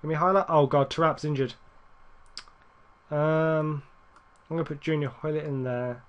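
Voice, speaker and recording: A man giving casual, rambling gameplay commentary, correcting himself often and getting excited at near misses. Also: fairly high pitch, moderate pace, dull audio. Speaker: gaming YouTuber.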